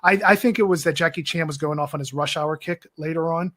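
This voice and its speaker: A man with a fairly high speaking voice talks loosely about movies on a podcast. He rambles, filling gaps with fillers as his thoughts run on. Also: fast, a bit bright. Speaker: podcast co-host. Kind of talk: casual film chat.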